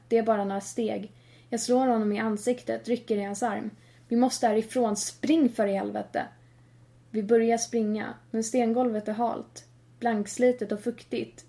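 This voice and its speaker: A woman reading a first-person horror story aloud, tense and hushed in the quiet passages. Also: mid-range voice. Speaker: narrator.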